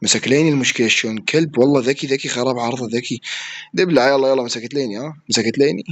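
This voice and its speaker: A man with an Iraqi Arabic accent giving live gameplay commentary, excitable, yelling at opponents and swearing as he plays. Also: mid-range voice, racing. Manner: excitable, yells at opponents and swears mid-play. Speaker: gaming streamer.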